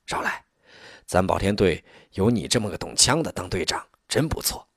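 A man voicing a blunt, hot-tempered village head who talks plainly and gets indignant quickly. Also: low-pitched, animated, gravelly, husky, dry recording, studio quality, exaggerated voice.

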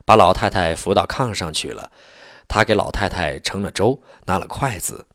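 A man's voice: deep voice, normal speed, no echo, studio quality. A man narrating a story expressively and acting out all its people. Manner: expressive, acts out every figure.

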